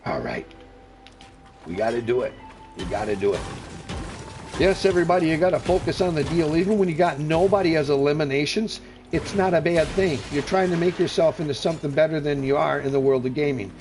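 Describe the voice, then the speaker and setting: Over background music, a middle-aged man gives laid-back live commentary on the game he's streaming. He speaks a little fast in a fairly high, expressive voice, wandering off on folksy, effusively friendly tangents and repeating himself.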